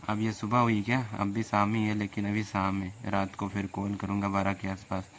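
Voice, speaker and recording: A man talks casually and teases, taking a possessive tone. His voice sits low and barely moves in pitch. A faint noise runs behind him. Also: completely flat delivery, normal speed. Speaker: host chatting with an AI girlfriend. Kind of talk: casual teasing chat.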